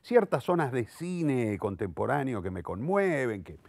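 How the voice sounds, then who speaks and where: Unhurried and a little mellow, a mid-range male voice with vocal fry and big pitch swings comes through with no echo. The speaker, a playwright, director and theatre teacher in his sixties with a Rioplatense Argentine accent, is reflective and eloquent in an interview, self-correcting and repeating words while he searches for the next.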